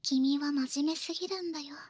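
A young woman voicing a possessive, coddling female wizard in ASMR role-play, coaxing with soft menace. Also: high voice, fairly quick, dry recording, lightly acted. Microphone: close, dry studio microphone.

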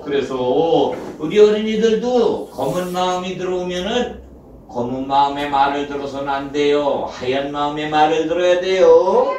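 A woman narrating a children's puppet show, talking slowly and asking the little audience questions. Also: sits low, a little mellow, a little hiss or hum. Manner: slow, sing-song, asking the children questions. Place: large hall at a daycare. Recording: echoey hall, from far off.

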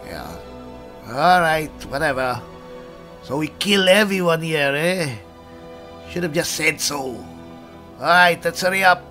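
Man playing slow-talking, blunt barbarian adventurer. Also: on the high side, animated, bright, forceful tone, soft background music, exaggerated voice. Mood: blunt, casual. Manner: barbarian role-play, blunt, casual, folksy, tagging questions with "eh". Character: blunt, simple-minded, easygoing male barbarian adventurer. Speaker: player of the game. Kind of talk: in-character video game playthrough.

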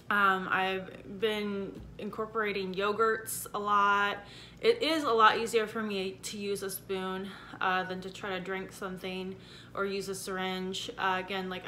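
Woman in her 30s w a sore stiff jaw, casual vlog chat, bright voice, bit of rumble behind. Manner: talks with a sore, stiff jaw and numb lower lip, slightly impaired articulation. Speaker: vlogger giving a surgery recovery update. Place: indoor room at home.

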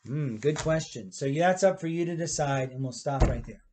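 A man in his fifties, a pastor giving a children's church lesson, explaining gently and rephrasing as he goes while gesturing, recorded on a webcam in a church library. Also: on the high side, lively intonation, moderate pace, noisy background.

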